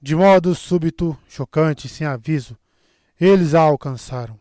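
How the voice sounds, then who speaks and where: A man with a Brazilian Portuguese accent reading an audiobook in a steady, measured way. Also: on the high side, no room sound, studio quality. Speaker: audiobook narrator. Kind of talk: audiobook narration.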